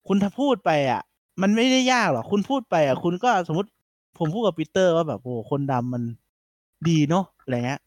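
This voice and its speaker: A man hosting a casual podcast chat, retelling things in an animated way with lots of fillers. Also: high voice, fast talker, no echo. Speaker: podcast host.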